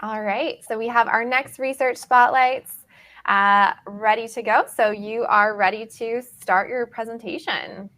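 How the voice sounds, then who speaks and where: A woman's voice: on the high side, fairly even intonation, a little slow, bright, forceful tone. A woman hosting an event, thanking a speaker and introducing the next presenters. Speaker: event host. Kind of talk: moderating a live online event.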